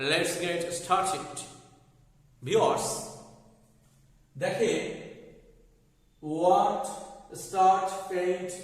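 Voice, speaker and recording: A man with a Bengali accent teaching English pronunciation in a video lesson, repeating words as drills and often addressing his viewers. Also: sits high. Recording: very echoey, distant hall sound.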